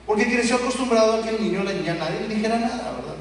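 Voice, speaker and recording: A Mexican pastor preaches in a lively, animated way, slipping into the voices of the people in his stories. His voice sits high for a man. It comes from far off in a big hall with long echoes and faint background noise. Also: rapid-fire. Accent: Mexican Spanish. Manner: animated, acts out quoted voices of children and parents. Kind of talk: sermon. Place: church hall.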